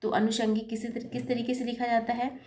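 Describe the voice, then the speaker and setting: A woman's voice: fairly high pitch, level tone, a little fast, a little mellow. A woman teaching an exam-prep lesson, patiently spelling out corrections step by step and correcting her own slips as she goes. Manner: self-correcting, apologizes for slips. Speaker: Hindi teacher.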